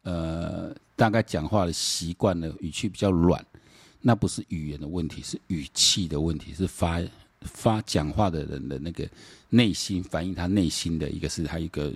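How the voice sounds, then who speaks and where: A man's voice: deep voice, moderate pace, husky, dry recording. A middle-aged man with a Taiwanese accent hosting a political commentary podcast, rambling and repeating words, slipping into Taiwanese Hokkien and firing off mocking rhetorical questions. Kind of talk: casual solo political commentary.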